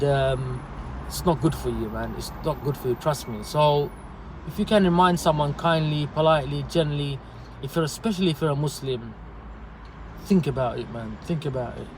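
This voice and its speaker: A man, a delivery driver, giving earnest, repetitive advice and animated stories in a casual livestream. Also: on the high side, moderate pace, background noise.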